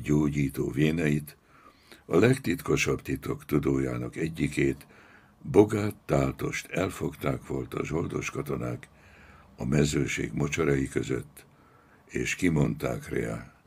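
Man, audiobook narrator, extremely low voice, husky, slow dramatic delivery. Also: darkish tone. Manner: slow, measured, dramatic storytelling. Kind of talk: scripted narration of a novel.

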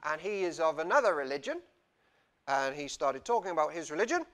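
A young Welsh man speaks as a visiting preacher in a small church hall, giving a chatty, self-deprecating informal sermon on a lapel mic and gesturing freely. His voice sits a little high, with big pitch swings, a brisk pace and a slightly bright tone.

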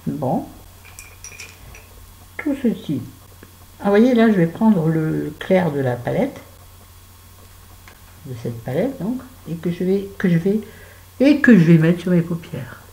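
A woman's voice: fairly low pitch, sing-song, slow, pauses often, dark tone, poor audio. A middle-aged woman vlogging while she does her make-up, chatting and telling a story with exasperated asides. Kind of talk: casual chit-chat while doing make-up.

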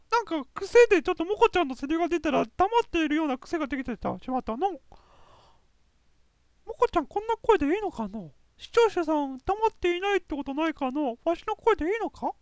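A woman's voice: very high-pitched, darkish tone, no room sound. A woman commentating a video game in a playful, boastful, old-fashioned elderly dialect. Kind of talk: casual let's play commentary.

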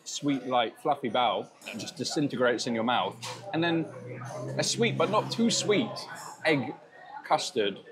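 A man's voice: mid-range voice, expressive, unhurried, crowd noise. A man tasting and describing street food in a casual food vlog, chatty and enthusiastic, laughing at himself now and then. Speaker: food vlogger. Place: restaurant and bakery in Thailand.

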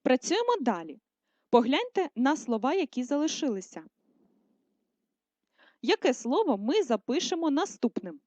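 A woman teacher giving a video lesson to first graders, speaking slowly and carefully and drawing out words to stress them. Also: high-pitched, very animated, a little mellow, no room sound. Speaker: primary school teacher. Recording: dull lo-fi sound.

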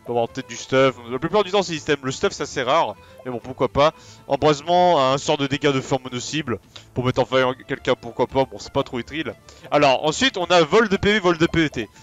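A man giving casual, excitable commentary on a video game, rambling with slang and many fillers. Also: medium pitch, brisk, highs cut off, faint music behind. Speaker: let's play host.

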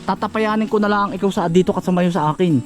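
A man's voice: sits high, quick pace, soft background music. A man vlogging outdoors in rural woodland, chatting casually and coaxing and cautioning someone as he goes. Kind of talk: casual outdoor vlog narration.

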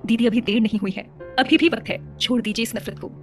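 Woman doing a gentle young bride, calm, respectful, light high voice. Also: quick pace, faint music behind, close to an everyday voice.

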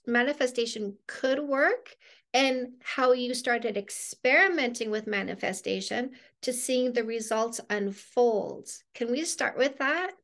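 A middle-aged woman from Canada, a dating coach hosting an interview over a video call from her living room, speaking with effusive enthusiasm. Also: a little high. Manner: effusive, warm affirmations.

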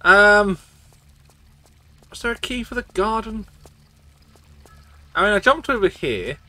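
A man's voice: sits high, sing-song, slow, pushed and bright. A man streaming a video game, swearing and rambling as he gets tipsy from shots. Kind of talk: casual gameplay commentary.

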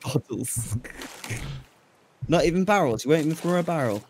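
A man's voice: on the high side, animated, moderate pace, darkish tone, a little hiss or hum. A man chatting casually and teasing his friend during a co-op game, laughing often. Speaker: co-op gamer, guest. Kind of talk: casual gaming chat.

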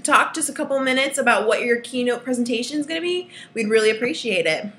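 A woman's voice: fairly high pitch, animated, quick pace, a bit bright. A young woman hosting an interview, friendly and chatty with fillers, over a webcam video call from a room at home. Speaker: interview host. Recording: roomy webcam audio, faint noise.

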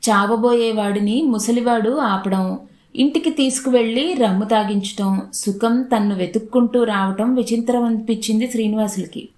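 A woman narrates an audiobook story at a steady, unhurried pace. Her voice sits slightly high. The recording has a noticeable room echo.

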